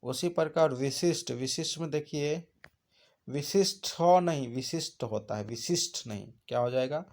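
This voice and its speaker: Guy teaching exam prep, voice on the higher side, keeps asking then answering himself. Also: moderate pace, darkish tone. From India. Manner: explaining, asks questions and answers them himself.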